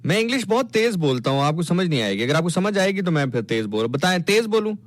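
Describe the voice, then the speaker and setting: A man's voice: high voice, sing-song, fast talker, dry recording, clean studio sound. A man hosting a live stream, chatting casually as he reads out viewer comments, playful and teasing, often stammering and restarting. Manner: playful, teasing, mock-indignant.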